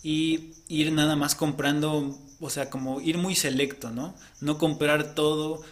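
A man's voice: a little high, steady tone, a little slow. Man co-hosting a podcast. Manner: explains at length, often ends with a questioning tag. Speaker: podcast co-host. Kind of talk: casual podcast chat.

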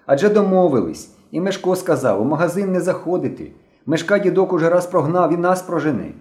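Storybook voice: man playing a high, reproachful schoolboy, insistent, mellow tone. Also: big pitch swings, a little fast. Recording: roomy echo.

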